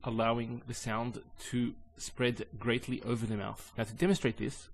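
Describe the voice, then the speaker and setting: A man teaching an Arabic linguistics lesson in English, explaining calmly with measured pauses. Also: medium pitch, creaky.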